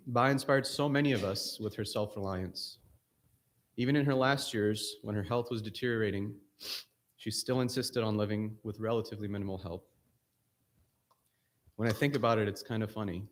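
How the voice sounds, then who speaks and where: A man delivering a personal funeral eulogy, earnest, pausing between short phrases. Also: fairly low pitch, steady tone. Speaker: family member giving a eulogy.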